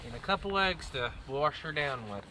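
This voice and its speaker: A man's voice: a little high, expressive, moderate pace, low-quality recording. A man bantering casually as a camping companion, chipping in with short folksy remarks. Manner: brief, folksy interjections. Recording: loud outdoor camp background noise.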